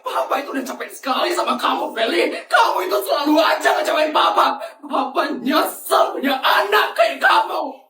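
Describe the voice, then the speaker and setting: A man doing a furious, shouting cartoon father. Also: extremely high pitch, expressive, moderate pace, reverberant, far from the mic, crowd noise, noisy background. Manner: shouting, scolding. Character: angry, disappointed father of a schoolgirl. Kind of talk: cartoon voice acting.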